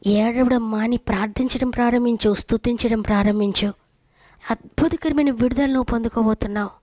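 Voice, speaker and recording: A woman's voice: fairly high pitch, steady tone, brisk, mellow, dry recording. A woman preacher giving a devotional sermon in an earnest, repetitive, exhorting manner.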